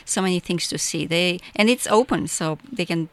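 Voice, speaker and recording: A Romanian woman with a Romanian accent, a festival organizer, is a chatty, enthusiastic guest in a radio studio interview and laughs often. Her voice is on the low side at normal speed, with no echo.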